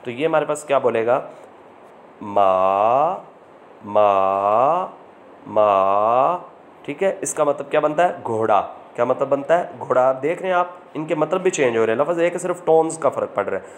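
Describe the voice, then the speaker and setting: A man's voice: a little high, lively intonation, fast talker, hardly any pauses, a little hiss or hum. A man giving an online lesson over slides, asking questions aloud and repeating the answers. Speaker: language teacher.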